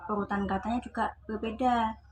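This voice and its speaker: A woman's voice: fairly high pitch, steady tone, a little fast, slight background noise, low-quality recording. A young female student from Indonesia with an Indonesian accent, giving a class presentation. She reads English definitions and then explains them in casual, chatty terms. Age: young adult.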